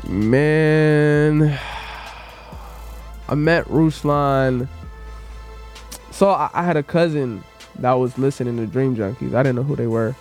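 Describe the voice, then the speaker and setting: A man's voice: mid-range voice, slow, long pauses, darkish tone. A young man with a mid-range voice, telling his story in a loose, casual way. He pokes fun at himself as he goes. Faint music sits behind him. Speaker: musician guest. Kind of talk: casual chat.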